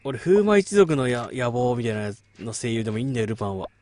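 A man's voice: medium pitch, very animated, fast talker, darkish tone. A man streaming a game late at night, chatting casually and muttering reactions to the gameplay. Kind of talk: late-night casual chat while gaming.

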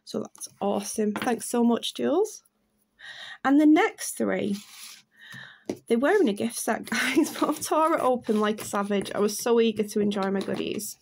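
A woman's voice: a little high, lively intonation, normal speed, vocal fry, a little mellow, slight background noise. A woman, chatting enthusiastically to camera as she unboxes beauty gifts. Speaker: beauty vlogger. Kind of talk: casual unboxing chat to camera.

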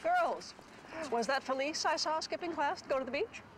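An actress playing a wise, dry-humored teacher who lectures her students calmly, in a 1990s sitcom. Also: sits high, normal speed, background noise, lightly acted. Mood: patient. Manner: calm, wry and lecturing.

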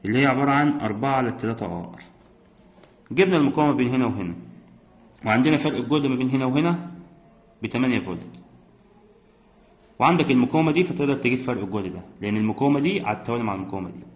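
A man's voice: mid-range voice, lively intonation, very fast, long pauses. A man with an Egyptian accent, teaching physics by working exam problems step by step, asking himself questions and answering them. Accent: Egyptian Arabic. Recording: roomy echo.

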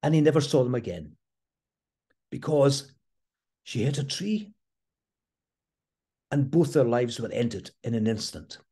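Slow, husky-voiced male storyteller. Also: mid-range voice, expressive, dark tone. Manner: slow, thoughtful, earnest. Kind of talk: reflective personal storytelling.

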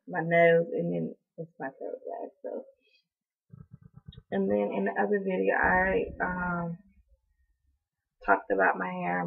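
This young beauty vlogger from North Carolina sounds husky, rough, and deeply gravelly, hoarse from allergies, as she chats through a casual haul video full of ums, occasional coughs, and apologies for her voice. She films with a webcam at close range in a small indoor room in front of a door, so the recording comes out thin and phone-like.

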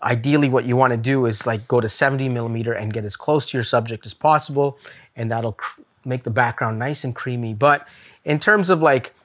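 A man's voice: mid-range voice, fairly quick, a bit bright. A man talking casually to camera in a gear review vlog, candid and chatty, laughing now and then. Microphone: camera-mounted shot on a zoom lens.

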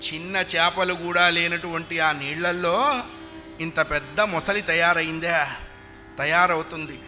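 A man performs a devotional story with humor, speaking animatedly and turning often to his listeners. His voice is high and strikingly bright, with faint instrument music behind him in a religious hall. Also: measured pace. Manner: animated, addresses the audience directly. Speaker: Harikatha storyteller.

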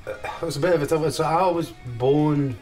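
A man's voice: on the high side, steady tone, moderate pace, a little mellow, recorded from a distance, faint music behind. Hesitant man in his thirties, guest. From England and Scotland. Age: 30s. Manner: hesitant, many ums, laughs easily. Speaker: guest musician. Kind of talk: casual interview chat. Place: small home studio. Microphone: desk microphone.

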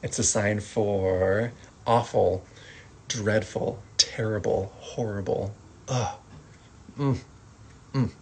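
Man, slow relaxed teacher, medium pitch, soft-spoken, faint background hiss. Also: gravelly. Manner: slow, soft-spoken, acts out example phrases. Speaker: sign language teacher. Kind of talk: casual spoken lesson.

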